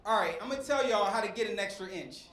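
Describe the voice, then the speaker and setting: Talking fast in a high, animated voice with a fairly bright tone, this middle-aged West Philadelphia comic works the crowd like a preacher during his stand-up set. The comedy club recording is echoey, and the audience can be faintly heard.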